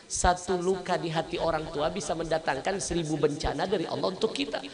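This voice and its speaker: A man's voice: a little high, fairly quick, a crowd in the background. A man preaching a storytelling sermon at a religious gathering, with a Malaysian Malay accent, animatedly acting out the voices of the people in his story. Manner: animated, acts out voices of mother and others. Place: religious gathering with a live audience.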